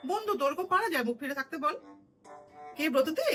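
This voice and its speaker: A woman's voice: high-pitched, lively intonation, quick pace, over music. A middle-aged woman doing a chatty, gossipy comic monologue as a mother talking to friends on a call, with sudden scolding bursts. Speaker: comedy video creator.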